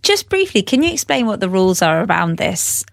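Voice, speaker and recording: A woman hosting a news explainer, speaking in a clear, conversational way. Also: mid-range voice, big pitch swings, brisk, no room sound. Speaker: host.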